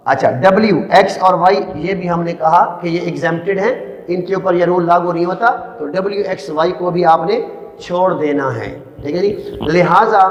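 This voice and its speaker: A man teaching a spelling lesson, speaking slowly and deliberately and breaking words into syllables. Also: on the high side. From Pakistan. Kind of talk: classroom lecture. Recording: echoey room with long reverb.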